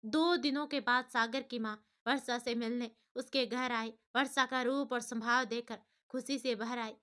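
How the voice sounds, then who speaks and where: A woman storyteller narrating in a steady, expressive way. Her voice is high, bright and clear, and it carries the story along evenly.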